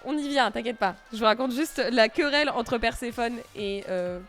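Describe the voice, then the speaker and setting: A woman's voice: fairly high pitch, normal speed, a bit bright, faint music behind. A woman streamer retelling a myth casually, full of slang and jokey asides. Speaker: streamer storyteller.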